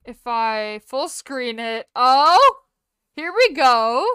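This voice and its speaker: A woman's voice: sits high, big pitch swings, extremely slow, pushed and bright, smooth, dry recording, clean studio sound. Chatty woman streamer, heavily compressed mic. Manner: chatty, rambling, self-deprecating asides. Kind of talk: casual live-stream chat while gaming. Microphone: desk mic with software compressor.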